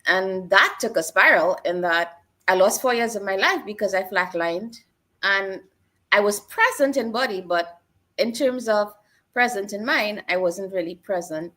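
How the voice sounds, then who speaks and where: Mid-range and a bit bright, this is the voice of a middle-aged woman from Trinidad and Tobago. As an interview guest she reflects on her life story earnestly, telling it in a personal way and often repeating phrases.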